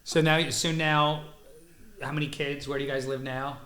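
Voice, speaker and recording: A man's voice: on the high side, flat delivery, moderate pace, sharp tone. A man hosting a podcast, asking questions and joking casually. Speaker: podcast host. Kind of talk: casual interview chat. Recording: echoey room.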